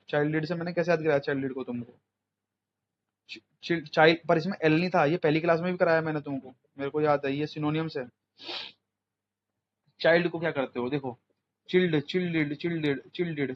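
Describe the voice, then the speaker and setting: A young man teaching English vocabulary for an exam, chatting in Hindi mixed with English words and quizzing his students. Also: a little high. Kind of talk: exam coaching lesson. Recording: muffled lo-fi audio, faint room noise.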